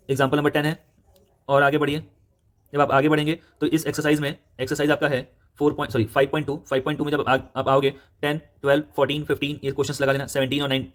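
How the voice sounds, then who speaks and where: A young Indian man rattles through a maths textbook lesson at a breakneck pace, telling students which questions to do. His voice sits a little high, and he keeps repeating himself and correcting slips. The delivery is brisk and directive throughout. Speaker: maths tutor. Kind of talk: fast textbook walkthrough lesson.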